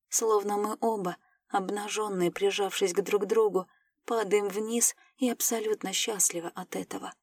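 A woman narrating a first-person fantasy story in a lively, playful audiobook reading. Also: mid-range voice, no room sound.

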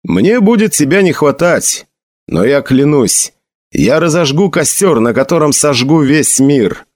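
A man's voice: on the high side, big pitch swings, a little slow, darkish tone, no room sound, clean studio sound, voice pushed up. A man voicing a young man who mourns his fallen friend and vows fiery revenge, with a raised, pleading, then vengeful voice.

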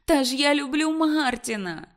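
A woman voicing a young woman in love, speaking in an excited, trembling, pleading way. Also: sits high, normal speed, pitched above the performer's own voice.

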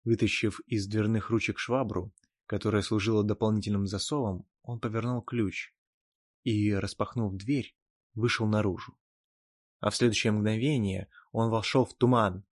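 A man narrating an audiobook in a steady, even storytelling manner. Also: on the low side, normal speed, no room sound. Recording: dry close studio sound.

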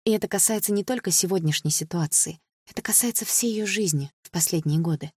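A woman reads a first-person audiobook in a low, husky voice. Her delivery is even and subdued, and the recording is dry and close, with no room sound at all. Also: fast, dry recording. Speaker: audiobook reader.

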